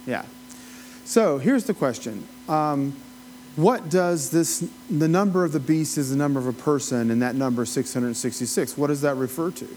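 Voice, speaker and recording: Higher-pitched Appalachian man teaching informally. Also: moderate pace, a little mellow, a little hiss or hum, rough recording. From Appalachia, United States. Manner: folksy, rambling asides, asks the listeners questions. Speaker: Bible study teacher. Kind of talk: informal teaching, conversational lecture.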